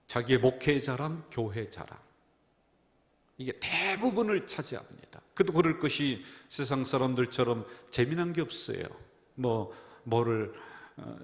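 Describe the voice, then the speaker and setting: A middle-aged man preaching a sermon as pastor, telling stories and swinging from near-whispers to loud emphasis. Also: medium pitch. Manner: storytelling, dropping to a whisper and rising for emphasis. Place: church sanctuary. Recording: church hall reverb.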